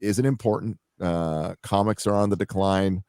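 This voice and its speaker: A man talks through a loose panel chat in a very low voice, dry and close to the mic. He stumbles and repeats words as he gathers his thoughts. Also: fairly even intonation, a little mellow, smooth, no room sound. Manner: halting, repeats words while thinking. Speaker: stream host.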